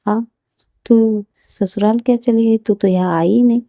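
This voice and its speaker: A woman doing a gently scolding mother. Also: a little high, fairly even intonation, measured pace, no echo, clean studio sound. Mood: reproachful. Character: loving middle-aged mother, mildly reproachful. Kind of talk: storybook character voice.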